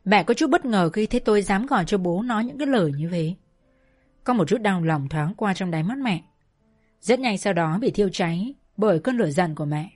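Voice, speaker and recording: Woman, storyteller, first-person narration, soft and emotional, faint background music. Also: mid-range voice, expressive, a little fast.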